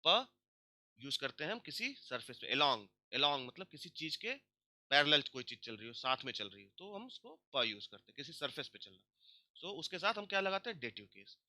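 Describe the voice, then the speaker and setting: A man teaching a grammar lesson, drawing out example words slowly and asking himself questions before answering them. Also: on the high side, big pitch swings, sharp tone, no room sound. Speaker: language teacher.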